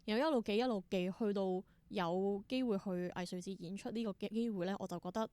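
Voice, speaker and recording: With a smooth, dark-toned, mid-range voice and a brisk pace, a woman with a Hong Kong Cantonese accent tells stories casually as an interview guest. A theatre performer and creator, she acts out bits of dialogue as she goes.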